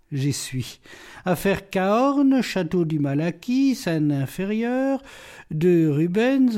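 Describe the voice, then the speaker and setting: A playful, ironic gentleman burglar, as a man reads him aloud for an audiobook, his mellow voice lilting up and down as he lingers over every jibe. His manner is self-assured and teasing. Faint music plays underneath. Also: high-pitched, voice pushed up, exaggerated voice. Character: witty, mocking gentleman burglar, imprisoned man. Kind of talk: audiobook reading.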